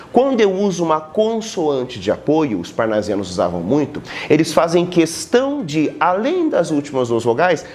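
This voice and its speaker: A man with a Brazilian Portuguese accent giving an online literature lecture in a lively, slangy way, now and then jumping into mocking high voices. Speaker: teacher.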